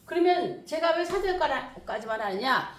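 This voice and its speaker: A woman's voice: high-pitched, expressive, unhurried, reverberant. A woman pastor lecturing on scripture with emphasis, repeating key phrases as she stresses them. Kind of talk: sermon lecture on prophecy.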